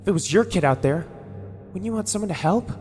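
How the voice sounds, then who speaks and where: A man's voice: mid-range voice, expressive, fairly quick, darkish tone, voice pushed up, close to an everyday voice. A man voicing a headstrong young woman who talks in a pushy, insistent way. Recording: long reverb with music behind.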